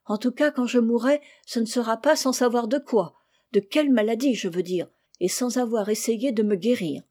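A woman voicing an eager, curious young girl in an audiobook reading, speaking with lively enthusiasm. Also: fairly high pitch, moderate pace, voice pushed up, lightly acted. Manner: enthusiastic, animated.

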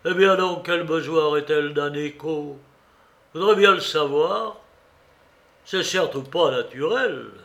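A man voicing an old pirate chief, loud and blustering as he forces his courage, in a dramatic novel reading. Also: on the high side, slow pace, vocal fry, heavily acted. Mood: defiant. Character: old one-legged pirate chief, scheming, defiant.

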